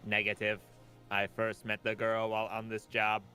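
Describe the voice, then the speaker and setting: A man's voice: fairly low pitch, completely flat delivery, moderate pace, pushed and bright, faint music behind, pitched below the performer's own voice. A man voicing a male bomb disposal specialist who talks in clipped, machine-like phrases, while playing a courtroom game. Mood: flat robotic. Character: robotic-talking male bomb disposal expert.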